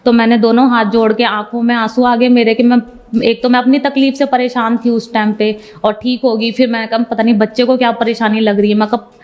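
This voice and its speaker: A young woman's voice, pitched a little high, tells a personal testimony with earnest feeling. She moves through the story by retelling conversations line by line, in a plain storytelling manner. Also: flat delivery, brisk, muffled recording. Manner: retells events by quoting the dialogue of others; earnest and emotional. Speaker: devotee giving a testimony.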